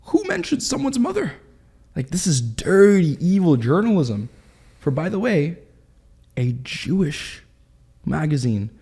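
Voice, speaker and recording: Young man, early twenties, mellow tone, quick animated storytelling, interview guest. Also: fairly high pitch, vocal fry, breathy edge. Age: 20s. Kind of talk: candid interview.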